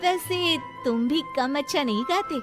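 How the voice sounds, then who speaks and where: A woman's voice: high voice, measured pace, music in the background, pitched above the performer's own voice. A woman voicing a friendly young woman in a cartoon who teases playfully. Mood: cheerful. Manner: friendly, teasing. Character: sweet cheerful young woman Shikha.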